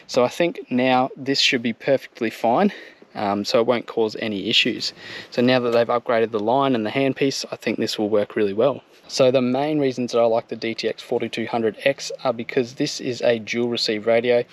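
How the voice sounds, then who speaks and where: This Australian vlogger, a man in his thirties, talks viewers through vehicle gear in a relaxed, explanatory way outdoors on his driveway next to a vehicle. His voice is mid-range with fairly even intonation, and his pace is moderate.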